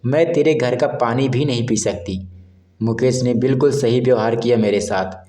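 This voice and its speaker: A man's voice: mid-range voice, normal speed, mellow, natural voice. A man voicing an ashamed older mother who sternly rebukes her daughter in a narrated story. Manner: stern, solemn. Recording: roomy echo.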